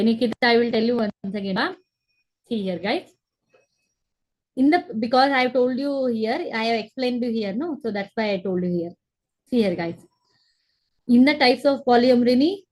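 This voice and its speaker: A young woman with a fairly high-pitched voice teaches biology online over a video call, using a laptop webcam, and the recording is rough. She explains step by step, repeats key terms, and checks that her students follow.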